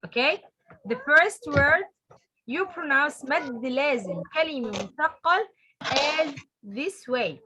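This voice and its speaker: Bright high-voiced woman teaching. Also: expressive. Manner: repeats each term slowly, mixing English and Arabic. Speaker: Quran recitation teacher. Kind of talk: online tajweed lesson.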